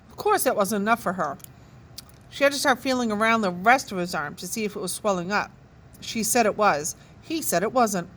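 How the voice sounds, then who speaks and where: A woman reading a children's novel aloud with expressive, animated storytelling. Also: medium pitch, brisk. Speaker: children's book reader.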